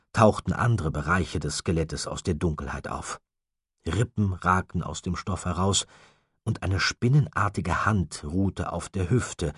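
A male audiobook narrator with a deep, husky voice tells the story in a steady, measured way. His voice is deep and rough-edged, recorded close and dry. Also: no room sound. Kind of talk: scripted narration.

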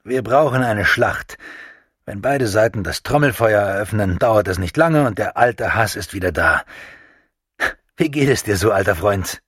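A man's voice: on the low side, animated, normal speed, a bit bright, breathy edge, dry recording, clean studio sound. A man voicing a German army captain greeting an old friend in an audiobook, in a raised, heartfelt voice. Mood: earnest.

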